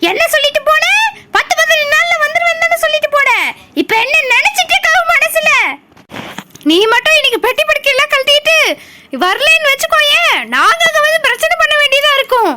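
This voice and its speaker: A woman voicing a bossy older mother-in-law who scolds in a shrill voice. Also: a little fast, heavy background noise. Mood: scolding.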